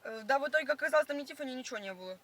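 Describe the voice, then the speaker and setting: A young woman with a bright, crisp-edged voice chats casually. She tells her stories in slang, packed with filler words. The recording is made in a car, with light background noise. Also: sits high, expressive, racing. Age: young adult. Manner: slangy, filler-heavy storytelling. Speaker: passenger being interviewed. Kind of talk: casual chat, storytelling. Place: inside a car.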